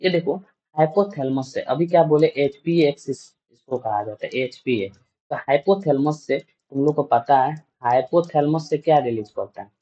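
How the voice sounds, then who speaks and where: A man's voice: on the high side, normal speed, dark tone, highs cut off. A man teaching a nursing class, quizzing students and often answering his own questions, repeating each term several times. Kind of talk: classroom lecture.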